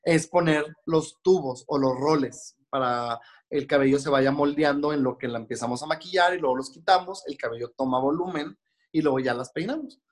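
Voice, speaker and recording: A man with a Mexican Spanish accent talks in a fairly high voice. He tells stories as a hair and makeup stylist in loose, chatty podcast style. He slips into the voices of the people in his stories as he goes. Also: normal speed. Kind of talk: casual podcast storytelling.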